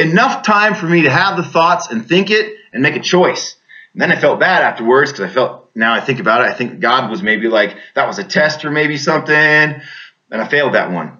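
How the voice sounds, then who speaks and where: A military veteran telling a personal story in a plain-spoken, halting way, often restarting his sentences. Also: medium pitch, pushed and bright, muffled recording.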